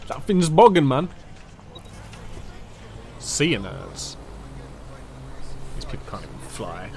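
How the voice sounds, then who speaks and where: Male gaming streamer, mid-pitched, casual and jokey, rambles and swears freely, faint noise behind. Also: big pitch swings, slow, vocal fry, a little mellow. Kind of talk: casual game commentary and chat.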